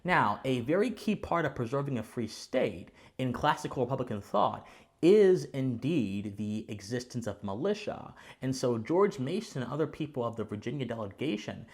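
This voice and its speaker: A man hosting a commentary channel, explaining to viewers in a didactic, formally worded way with emphatic stress on key words. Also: medium pitch. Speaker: host of a political commentary channel.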